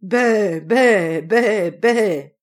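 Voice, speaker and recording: A woman's voice: mid-range voice, sing-song, moderate pace, slightly rough, voice pushed up. Woman doing a lying nanny goat, whiny bleats, storybook.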